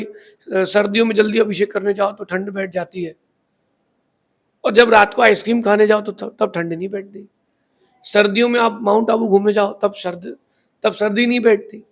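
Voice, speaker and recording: A man giving a sermon in a preachy storytelling manner, asking rhetorical questions as a spiritual teacher. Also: high voice.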